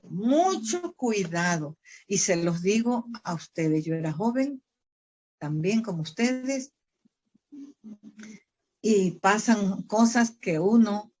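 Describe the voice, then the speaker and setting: A woman missionary telling a personal testimony during a church Bible study, swinging between loud, pleading bursts and hushed, tearful lows. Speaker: missionary preacher.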